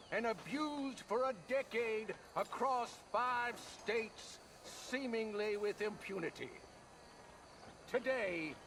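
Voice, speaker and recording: An actor playing a stern, solemn official at a public hanging in a video game, orating formally and gravely. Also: male voice, high voice, background noise, heavily acted. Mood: grave, condemning. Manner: formal, declamatory, grave oratory. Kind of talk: dramatic video game speech.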